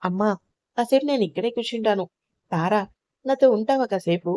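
A woman voicing a calm, protective young sister-in-law who talks in a steady, reassuring way in an audio story. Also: fairly high pitch, fairly quick, dry recording, studio quality, lightly acted.

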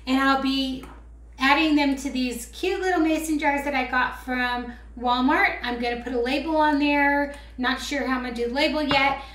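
High-voiced chatty woman crafting at home. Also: fairly even intonation, moderate pace, fairly bright tone, slight background noise. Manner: chatty, rambling, self-teasing. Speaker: craft vlogger. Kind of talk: casual how-to chat. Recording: roomy echo with faint clicks.

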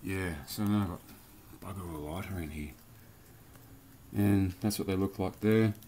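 A man's voice: deep voice, measured pace, mellow, slight background noise. A man casually reviewing a collectible toy in a rambling, chatty vlog from his home beer cellar. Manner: chatty, rambling, loose slang.

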